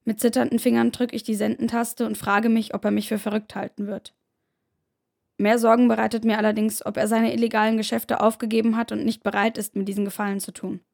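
A woman reads a first-person story aloud at a steady, measured pace. Her voice sits a little high and carries a gravelly, creaky edge. It sounds like audiobook narration.

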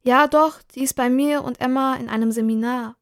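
A woman's voice: high-pitched, fairly even intonation, normal speed, dry recording, clean studio sound. A woman reading aloud the casual text messages of a young man in a story.

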